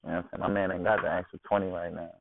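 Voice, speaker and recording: Deep gravelly man, tinny and dry. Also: little pitch movement, racing, a little hiss or hum. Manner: slangy, constantly asks "you know what I'm saying". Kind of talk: casual monologue. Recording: tinny phone-like dry sound.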